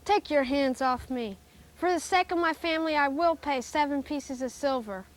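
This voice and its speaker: Woman as Simon, a high-voiced defiant townsman. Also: moderate pace, natural voice. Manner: blunt, indignant. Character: defiant, honest townsman Simon, wronged male taxpayer.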